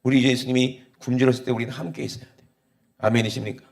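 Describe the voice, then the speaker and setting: A male pastor preaching a sermon, drawing the congregation in with repeated "Amen?" and moving between hushed, low passages and loud, emphatic exhortation. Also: steady tone, fast, creaky. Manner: preaching with frequent call-and-response "Amen?" questions to the congregation.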